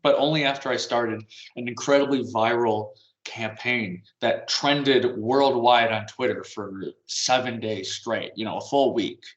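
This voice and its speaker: Unhurried and with few pauses, a mid-range-voiced man co-hosts a podcast from home, chatting casually and wandering off topic with small chuckles. The audio sounds dull, with roomy echo.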